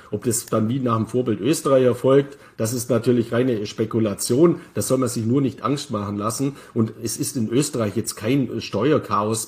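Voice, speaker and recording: Man giving measured crypto tax commentary. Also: medium pitch. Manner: measured, with many fillers and restarts. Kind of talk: casual discussion commentary.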